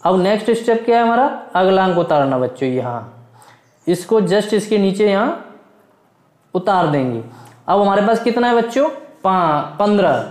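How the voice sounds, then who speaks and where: Echoey math teacher chanting times tables. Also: male voice, high-pitched, darkish tone. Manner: addresses the children constantly, asks and answers his own questions; recites multiplication tables in a slow chant. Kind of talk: classroom lesson for children.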